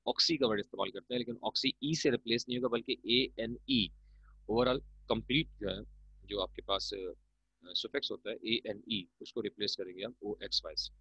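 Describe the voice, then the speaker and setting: A man's voice: lowish voice, moderate pace, bright, forceful tone, husky, dry recording. A man with a Pakistani Urdu accent teaching chemistry, explaining patiently and calling his students "beta". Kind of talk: classroom lecture. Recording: muffled, dull lo-fi recording.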